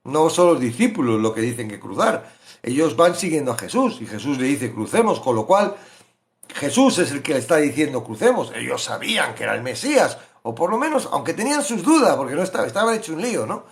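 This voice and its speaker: A man from gives a sermon-style Bible reflection. His voice sits a little high and swings widely in pitch. He keeps asking rhetorical questions and briefly acts out the people he quotes. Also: very animated, fairly quick, gravelly. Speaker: preacher.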